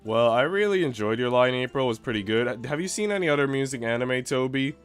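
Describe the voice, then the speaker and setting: Soft background music accompanies a man with a mid-range, clear, resonant voice who speaks fast and expressively. While streaming a game, he chats informally with slang and swearing and now and then reads visual novel narration out loud.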